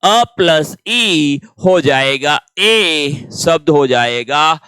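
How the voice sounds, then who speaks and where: A man's voice: fairly high pitch, animated, extremely slow, sharp tone, smooth, dry recording. A man teaching grammar in a patient classroom manner, asking questions and answering them himself.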